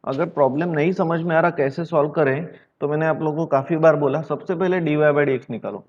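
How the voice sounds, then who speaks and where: A man's voice: on the high side, fairly quick. Stern lecturing man, math teacher. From Maharashtra, India. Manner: scolding, repeats himself, mixes English math terms into his talk. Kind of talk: online classroom lecture. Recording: dull lo-fi sound.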